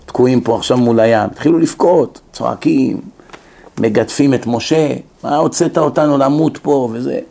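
A man giving a religious lecture, telling stories and acting out the dialogue with lively, questioning delivery. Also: mid-range voice, creaky. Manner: animated storytelling, acting out dialogue. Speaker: rabbi lecturer.

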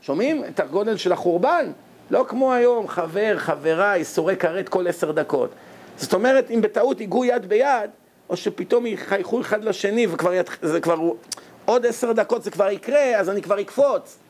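A man, preaching by telling a story and acting out the voices of its characters. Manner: animated, acts out characters' voices with sharp pitch jumps. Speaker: religious preacher. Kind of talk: sermon storytelling.

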